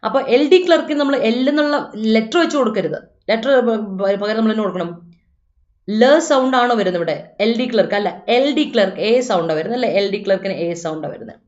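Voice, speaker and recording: A woman takes students through an exam coaching lesson. She asks questions and answers them herself, and she reads English example sentences slowly. The sound is dull and roomy. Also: medium pitch, lively intonation, darkish tone. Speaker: teacher.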